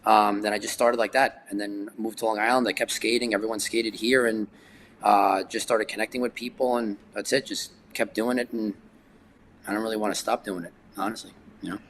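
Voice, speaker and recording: A man's voice: fairly low pitch, fairly even intonation, fairly quick, fairly bright tone, a little hiss or hum. A man, chatting casually as a podcast guest and rambling with lots of fillers. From New York. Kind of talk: casual chat.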